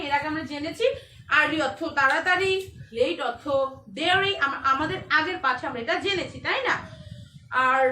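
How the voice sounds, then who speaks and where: A woman teacher with a Bangladeshi accent, giving a children's English lesson, reading English slowly and explaining it in Bengali. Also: sits high, pushed and bright, a little hiss or hum. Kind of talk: online class lesson. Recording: echoey room, distant mic.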